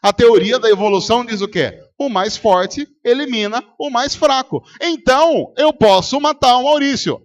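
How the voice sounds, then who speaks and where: In a very high voice, a Brazilian Portuguese-accented pastor delivers a sermon at moderate pace, rarely pausing. During the church service he makes rhetorical arguments, quizzes his congregation and acts arguments out.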